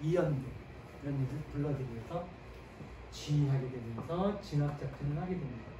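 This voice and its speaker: A man's voice: on the high side, normal speed. A man giving a history lecture to a class, posing questions and answering them himself, with short affirming asides between points. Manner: sprinkles short "네" affirmations while explaining. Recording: echoey room, mic at a distance, faint ambient noise.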